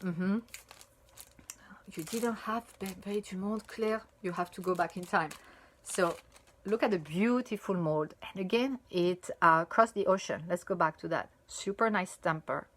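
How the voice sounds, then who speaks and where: A woman's voice: on the low side, unhurried, slight background noise. Chatty French woman reviewing chocolate. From France. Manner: chatty, thinks aloud with many fillers; bursts into excited exclamations. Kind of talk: casual video review.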